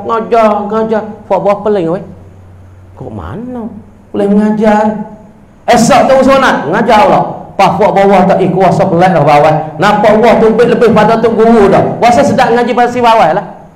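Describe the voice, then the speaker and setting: A man's voice: sits high, normal speed, a little mellow. A man giving an Islamic religious lecture, telling stories and chanting Arabic verses. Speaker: religious teacher. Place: religious school hall. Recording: echoey hall.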